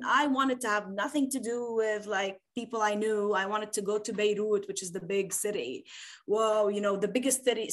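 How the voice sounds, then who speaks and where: A woman from Lebanon, a poet answering interview questions on a video call, animated and quick to laugh, thinking aloud. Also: mid-range voice. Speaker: poet guest.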